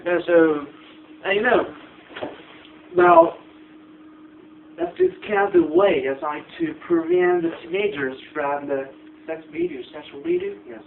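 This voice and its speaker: Chinese-accented man interviewer, halting, lively pitch, gravelly; tinny echoey lo-fi recording. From China. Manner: hesitant, many restarts and fillers. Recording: tinny lo-fi echoey room, some noise.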